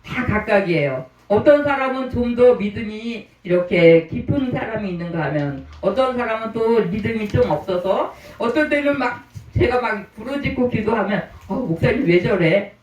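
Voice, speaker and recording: A man's voice: high-pitched, animated, normal speed, hardly any pauses. Man pastor preaching, keeps asking the congregation questions, roomy church, mic kinda far. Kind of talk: sermon. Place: church sanctuary.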